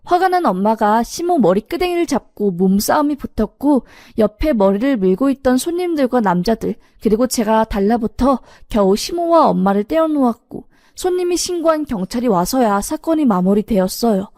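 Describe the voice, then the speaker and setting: A woman narrating a personal story in a brisk, emphatic scripted retelling. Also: on the high side, lively intonation, darkish tone, dry recording, studio quality.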